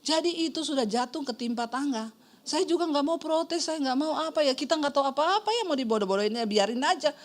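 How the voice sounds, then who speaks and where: A middle-aged woman pastor preaching a sermon, telling a personal story with humor and animated quotes, congregation responding. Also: high-pitched, a little fast. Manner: storytelling with humor, quoting others in lively voices. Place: church service with congregation.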